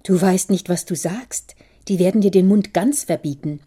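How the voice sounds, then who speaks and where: A woman voicing a worried older father who speaks gravely and warns his daughter. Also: lowish voice, unhurried, mellow. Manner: grave, warning tone.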